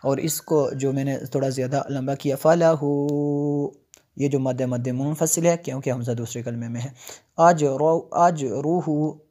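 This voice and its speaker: A male teacher walks through Quran recitation rules step by step. His delivery stays level and flat, broken up by frequent "uh" pauses as he explains each rule in plain teaching talk. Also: mid-range voice. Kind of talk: tajweed lesson, recitation with explanation.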